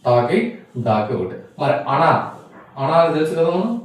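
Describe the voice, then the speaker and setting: A man teaching how to write letters, repeating each sound slowly and patiently as he writes. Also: on the high side, very animated. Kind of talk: writing-board lesson on Tamil letters. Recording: echoey room, voice from far off the mic.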